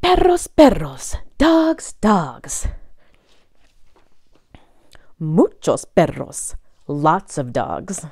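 Phrase by phrase, a woman reads a children's picture book in a bilingual read-aloud style, deliberate and expressive, her low, slightly mellow voice swinging hugely in pitch. It's studio-quality audio without echo.

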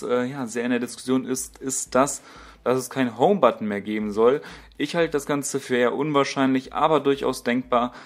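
Hesitant young man. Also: medium pitch. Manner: hesitant, many fillers and restarts. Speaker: tech YouTuber. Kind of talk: casual voice-over commentary.

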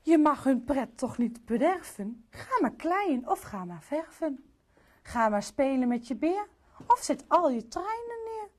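A woman puts on a bossy queen from a children's storybook, scolding in a high, lively voice. Her words come slowly and sharply, like a mother telling off a child. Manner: sharp, scolding, then soothing.

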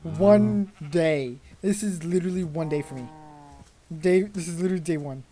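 A woman's voice: fairly low pitch, fast talker, warm tone. A young woman commentating her gameplay casually, easily frightened and exclaiming in panic.

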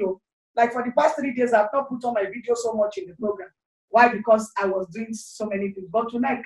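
A middle-aged Nigerian woman evangelist delivers an online sermon, seated in a small indoor room and gesturing freely as she speaks into a handheld corded mic. Her slightly high voice is fervent and repetitive, full of exclamations, and the low-quality recording sounds roomy and distant.

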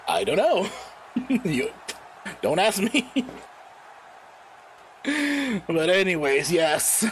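A man's voice: sits high, slight background noise. A man doing casual, rambling commentary on a live stream, giggling often and apologizing with a laugh. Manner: giggly, rambling, self-deprecating. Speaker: wrestling commentator.

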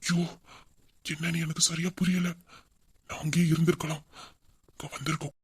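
A performer voices a young husband in an audio drama, a man who misses his wife. His voice sits at an ordinary middle pitch. He talks in an emotional, intimate and endearing way. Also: flat delivery, normal speed, vocal fry, slightly rough. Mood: troubled.

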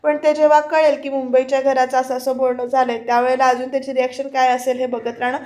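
Retelling a TV serial episode in voice-over, she addresses her viewers directly and quotes every character's lines without changing her voice much. Her voice sits high with a level, darkish tone, she talks fast, and the room is echoey.

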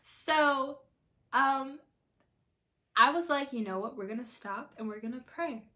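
A young woman in her twenties telling a story in a casual, animated way, acting out her own quotes with lots of filler words. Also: high-pitched, unhurried. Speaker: vlogger.

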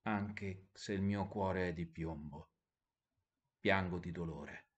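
A man voicing a gentle, grieving prince statue in a storybook, speaking soft and low. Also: fairly even intonation, slow pace, dull audio. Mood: sorrowful.

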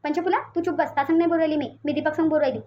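Cartoon mother-in-law: woman doing a very high, fast, scolding voice, Varhadi accent, dull audio. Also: steady tone, dark tone, close to an everyday voice. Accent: Vidarbha Marathi (Varhadi). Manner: scolding, demanding. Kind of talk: cartoon voice acting.

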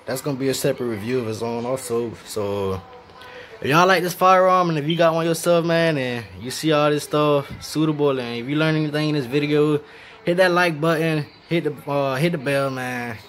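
A man's voice: a little high, normal speed, fairly bright tone, faint music behind. A man giving a casual, slangy gun review on his channel, talking straight to viewers with a mouth guard in. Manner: slangy, laid-back, addresses viewers directly.

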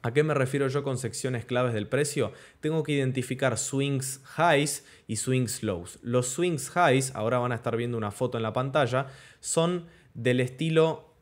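A young man with a medium-pitched voice teaches crypto trading in a screen-share chart tutorial, patiently explaining and slowing down on key terms. He checks in with "¿ok?" and "¿de acuerdo?". His webcam appears in the corner of the screen recording.

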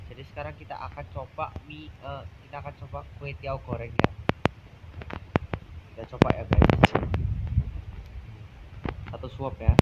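A man's voice: medium pitch, heavy background noise. A young man, chatting casually through a food review at an outdoor cafe at night and saying "guys" again and again. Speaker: food vlogger.

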